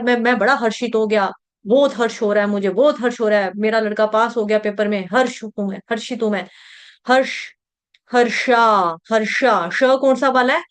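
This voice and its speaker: Woman teaching slow Sanskrit chanting. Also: a little high, fairly bright tone. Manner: slow drawn-out chanting of verses between quick explanations. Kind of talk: online class teaching verse recitation. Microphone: video call.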